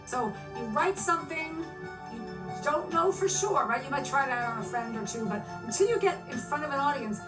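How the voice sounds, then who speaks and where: Older woman, a comic guest, animated storyteller who laughs a lot; fairly high voice, recorded from a distance in a roomy space. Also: brisk, over music. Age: about 70. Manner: animated, laughing, repeats words. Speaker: podcast guest, stand-up comic. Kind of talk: casual interview storytelling. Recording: roomy, distant mic, background noise.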